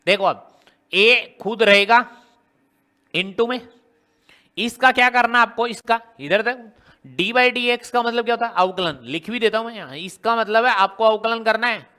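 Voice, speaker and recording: A man's voice: high voice, measured pace, pushed and bright, smooth. A man teaching a maths lesson, working through a problem step by step and asking his students question after question. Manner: explains step by step, often quizzing students with rhetorical questions.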